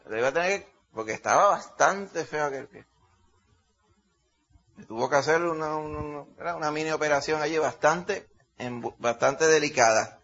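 A man's voice: on the high side, moderate pace, a bit bright. A man preaching a Bible teaching sermon in a conversational, folksy way, often checking in with his listeners. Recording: dull lo-fi recording.

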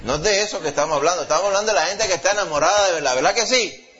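A man with a Puerto Rican accent preaching a sermon to a congregation, emphatic, rising to loud exclamations and dropping low, often asking his listeners questions. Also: racing. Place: church service before a congregation. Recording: dull lo-fi recording.

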